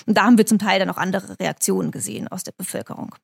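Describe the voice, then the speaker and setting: A Moscow correspondent, a woman speaking in a language that isn't her first, answers interview questions in a measured, explanatory way, hesitating often. Her mid-range voice holds a steady tone, creaky with a breathy edge.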